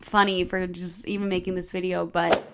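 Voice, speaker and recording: A young woman talks straight to camera in a casual, earnest vlog, leaning on fillers as she goes. Her voice sits a little low for a woman. It sounds smooth and clear. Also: little pitch movement, normal speed, a bit bright. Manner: chatty and earnest, with filler words. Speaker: vlogger.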